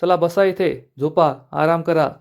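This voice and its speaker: A man's voice: on the high side, a little slow, gravelly. A man putting on a fussy nurse's voice. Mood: coaxing. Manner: scolding, coaxing. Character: fussy young female nurse.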